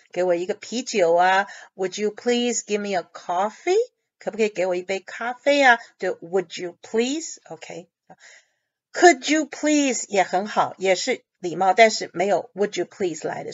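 Woman English teacher, patient explainer, mid-pitched voice, muffled lo-fi sound. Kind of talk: explaining a reading lesson. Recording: dull lo-fi audio.

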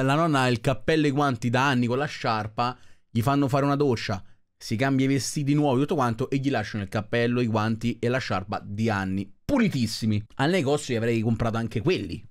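A man giving casual, skeptical commentary on a video, rambling with restarts. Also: mid-range voice. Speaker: reaction video host.

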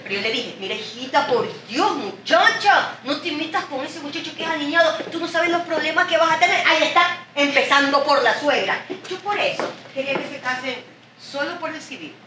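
A woman's voice: high-pitched, expressive, brisk, noisy background. An actress on stage playing a blunt, mocking working-class mother of the bride in a live comedy sketch. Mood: scornful. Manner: mocking, teasing, earthy. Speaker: stage actor. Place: theatre stage. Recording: echoey stage, picked up from far off.

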